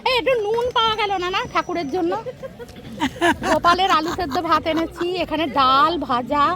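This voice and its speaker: A woman's voice: extremely high pitch, normal speed, a crowd in the background. A middle-aged woman from West Bengal, talking chattily to her viewers in a casual home vlog. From West Bengal, India. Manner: chatty, addresses viewers directly. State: out of breath. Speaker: vlogger.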